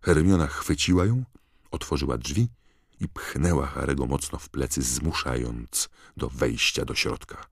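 Guy narrating an audiobook, super deep gravelly voice, dry close sound. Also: no room sound. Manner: measured storytelling. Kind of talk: scripted narration.

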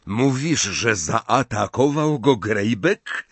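A man voicing a shaken, gentle middle-aged father asking slow, pleading questions. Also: lowish voice, animated, slightly rough, dry recording, pitched above the performer's own voice, exaggerated voice. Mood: anxious.

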